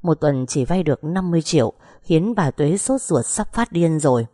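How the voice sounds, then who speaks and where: Female storybook narrator, low and mellow, soft and measured. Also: animated, no echo, studio quality.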